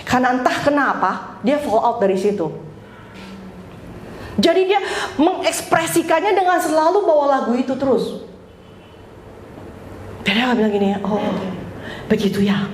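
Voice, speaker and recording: A woman teaches a church class with a high, bright-pitched voice. She tells her own stories in a lively, self-mocking way and laughs often. The sound is roomy, with a faint hum behind her. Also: moderate pace, pauses often. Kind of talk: informal teaching with personal stories. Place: church hall.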